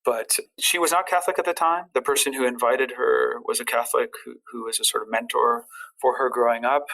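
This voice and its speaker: A man with some gravel and fry in his voice, speaking at a middling pitch. He tells personal stories casually, wandering through them with halting, repeated words. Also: fairly even intonation, bright, forceful tone, rough recording. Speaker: podcast guest.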